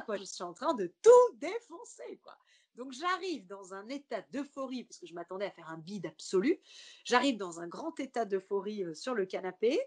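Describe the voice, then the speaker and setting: A woman comedian, a guest on a podcast, telling a story in a casual, lively way. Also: mid-range voice. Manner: lively storyteller who acts out quoted people.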